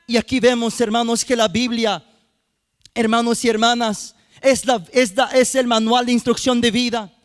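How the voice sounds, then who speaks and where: A man's voice: extremely high pitch, flat delivery, moderate pace. A man preaching a sermon as youth minister, repeating phrases and addressing the congregation as brothers and sisters, sometimes lilting into a sung cadence. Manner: repetitive preaching with frequent "hermanos y hermanas" and sung-out phrases. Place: church sanctuary.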